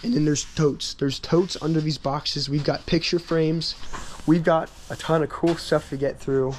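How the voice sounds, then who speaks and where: A young man with a slightly high voice that is partly gone, so it squeaks and cracks in places. He talks fast and excitedly while digging through a dusty storage unit, with a faint hum behind him. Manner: excitable, quick exclamations. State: losing his voice, squeaky in spots. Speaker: online reseller, channel host. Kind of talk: casual vlog narration.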